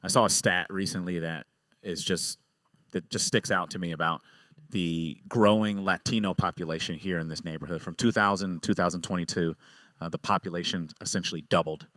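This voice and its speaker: A man's voice: deep voice, fairly even intonation, fairly quick, fairly bright tone, dry recording. A man hosting an interview, asking questions in a friendly, conversational way.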